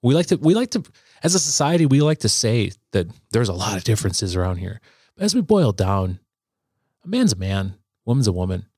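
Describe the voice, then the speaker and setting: A man in a casual faith conversation, speaking reflectively with frequent halting restarts. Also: fairly low pitch, big pitch swings, darkish tone, slightly rough, dry recording, studio quality.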